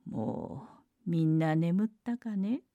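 A woman voicing a greedy male forest monster who speaks in a lowered, gruff voice and puts on false kindness. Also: slow pace, dark tone, dry recording, dull audio. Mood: wheedling.

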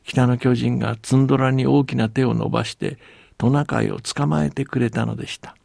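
A man narrating a storybook in a calm, even way, sometimes dropping to a hush. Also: mid-range voice, a little fast, vocal fry, dry recording.

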